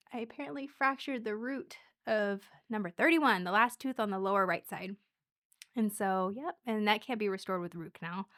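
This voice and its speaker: A woman who works as a dental hygienist, a podcast guest telling personal stories in an animated, laughing way. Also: medium pitch. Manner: animated storyteller, laughs often. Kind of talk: casual podcast conversation.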